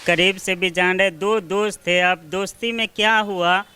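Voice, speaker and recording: A man's voice: high-pitched, fairly even intonation, normal speed, pushed and bright, smooth. A male shopkeeper answering a reporter's questions in the street, earnest and agreeable. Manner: earnest, repeats agreement words. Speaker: shopkeeper interviewee.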